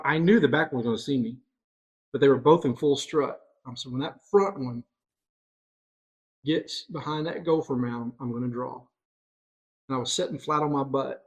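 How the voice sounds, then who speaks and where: A middle-aged man hosting a podcast, telling a hunting story in casual chat, excitable and animated. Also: on the high side. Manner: excitable, animated storyteller, voices others in quotes. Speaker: podcast host.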